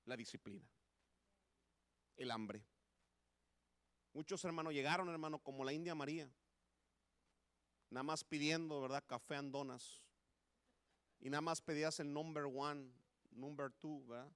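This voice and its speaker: A man's voice: a little high, steady tone, moderate pace, pauses often, a bit bright, clean tone, dry recording. A man with a Mexican Spanish accent preaching a sermon in church, impassioned and repeating "hermano" again and again. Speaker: pastor. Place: church sanctuary.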